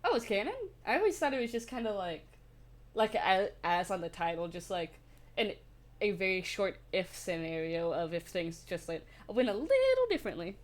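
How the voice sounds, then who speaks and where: Young woman streamer, casual and laughing, with a lively, varied pitch. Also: moderate pace. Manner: chatty, laughing, swears casually. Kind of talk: casual game commentary.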